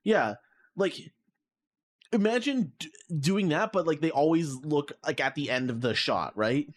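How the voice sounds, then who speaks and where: At a measured pace, a man with a fairly high, animated voice co-hosts a casual podcast over an online call, heard through his mic. He rambles on in exasperation, ranting with lots of filler words.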